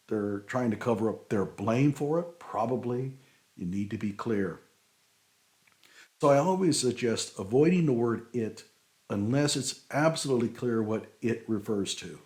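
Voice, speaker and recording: Speaking at a medium pitch with a slightly mellow tone, a show host and technical writing consultant delivers casual commentary on a legal document. His critique is explanatory and opinionated, with fillers coming often.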